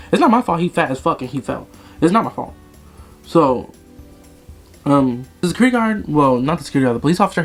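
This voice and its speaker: A young man vlogging, telling a dramatic, profane story in a casual way while he does his makeup. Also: on the high side.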